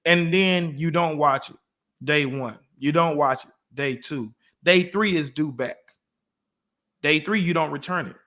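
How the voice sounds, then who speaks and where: A man co-hosting a motivational talk show, telling everyday stories and acting out quotes with lively energy. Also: a little high, unhurried. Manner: storytelling with lively acted-out quotes. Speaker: co-host.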